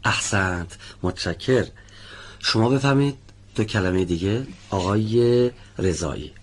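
Man, teacher, low-pitched voice, husky, patient, studio lesson. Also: animated. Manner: patient, careful, calls on students one by one. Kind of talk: televised pronunciation lesson.

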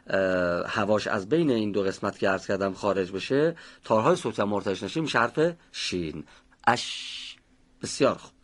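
A man's voice: lowish voice, a bit bright. A man teaching a pronunciation class, patiently explaining how each sound is made and calling on students by name.

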